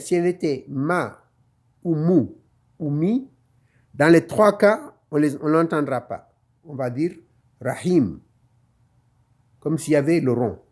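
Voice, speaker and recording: A man with a slightly raised pitch teaches Quran reading, taking his time over each letter. He repeats every point patiently and stretches the verse out when he recites it. The pace stays slow and careful throughout. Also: dark tone. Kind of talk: slow step-by-step lesson.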